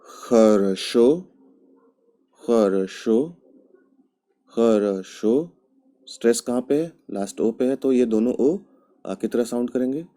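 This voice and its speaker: The speaker, a man from India with a dark-toned, medium-pitched voice, teaches a language lesson slowly and patiently, repeating each sample word several times.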